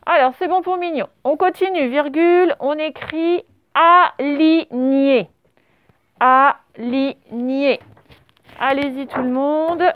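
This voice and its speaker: High-voiced woman teacher, slow and patient. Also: no echo. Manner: patient, spells words letter by letter, pauses often. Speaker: primary school teacher. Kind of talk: classroom dictation correction. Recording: dull lo-fi sound.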